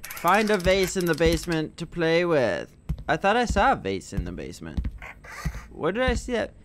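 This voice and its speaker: A man's voice: a little high, sing-song, normal speed, noisy background. A young man giving scared horror game commentary, jumpy and foul-mouthed, exclaiming and muttering to himself. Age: young adult. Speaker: gaming streamer. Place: indoor room at home. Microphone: close desk microphone with headset headphones.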